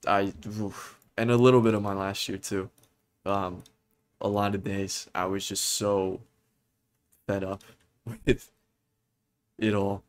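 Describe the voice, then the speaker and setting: A young man talking earnestly to his viewers in a halting, hesitant way, full of restarts and pauses as he searches for words. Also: on the low side. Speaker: vlogger. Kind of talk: personal talk to camera.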